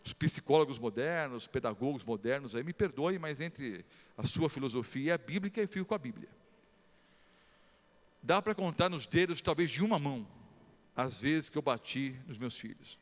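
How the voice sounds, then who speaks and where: A middle-aged man, a pastor, preaching a sermon and telling stories in a lively way, acting out quotes and putting questions to the congregation. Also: medium pitch, moderate pace. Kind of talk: sermon with storytelling. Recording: long reverb of a large hall.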